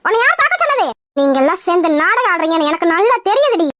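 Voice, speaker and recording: A fierce old village mother-in-law from a cartoon, snapping orders and threats, as a woman puts her on. She talks fast, her voice pushed lower than the other figures. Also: sing-song, a bit bright, slight background noise, exaggerated voice. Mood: threatening. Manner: scolding, threatening. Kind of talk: cartoon voice acting.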